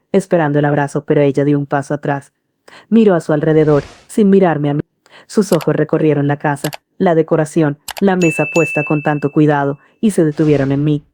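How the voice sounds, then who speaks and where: A middle-aged woman narrating a first-person story in a calm, earnest way. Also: low-pitched.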